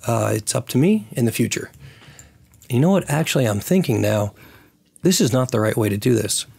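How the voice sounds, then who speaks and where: A man with a raspy, hoarse voice recovering from losing it, hosting a casual programming tutorial and thinking aloud as he works. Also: mid-range voice, animated, normal speed, a little mellow. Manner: thinks aloud while working. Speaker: tutorial host.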